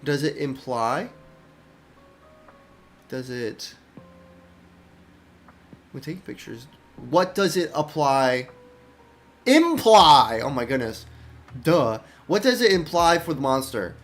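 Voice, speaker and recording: A man's voice: mid-range voice, expressive, slow pace, long pauses, a bit bright, faint music behind. A young man, an indie game developer, chatting casually while showing his game, rambling with many restarts and thinking aloud. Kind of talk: casual dev stream chat.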